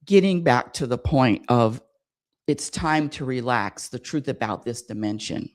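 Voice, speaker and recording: A woman's voice: a bass voice, animated, a little slow, a little mellow. A woman hosting a spirituality radio show, talking in a repetitive, searching way and often asking listeners for agreement. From United States. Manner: repetitive and searching, calls for audience affirmation. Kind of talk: spiritual talk monologue.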